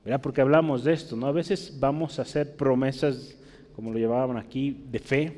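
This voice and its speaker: A man's voice: mid-range voice, steady tone, brisk, a little mellow, long reverb tail. A man preaching a teaching sermon in a church, explaining in a conversational way and often checking with his listeners.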